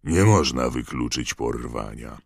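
Gravelly old auror, read by a man: blunt, commanding, dry close sound. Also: a bass voice, expressive, a little slow, no room sound, heavily acted. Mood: gruff. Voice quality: hoarse, growling. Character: gruff scarred old male wizard, veteran auror.

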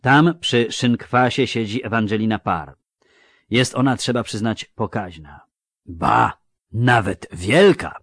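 A male narrator voicing a solemn, knowing older male dwarf who speaks gravely and with emphasis. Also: medium pitch, animated, a little slow, no room sound, studio quality, pitched above the performer's own voice, natural voice.

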